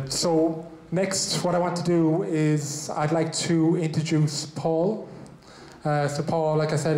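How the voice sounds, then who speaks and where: With a mellow voice on the high side, an Irish man in his thirties, the event's host and head of technology, delivers a welcome speech at a tech meetup. He talks loosely into a handheld mic, with many fillers and restarts, in an echoey large room with a small stage.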